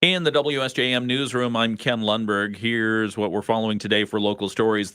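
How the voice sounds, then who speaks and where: A man with a low voice reads local news on a morning radio show. His delivery is steady and measured, close to a studio mic in a dry, dead room. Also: dry recording. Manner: steady newsreader delivery, laughs easily in chat. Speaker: radio co-host and newsreader.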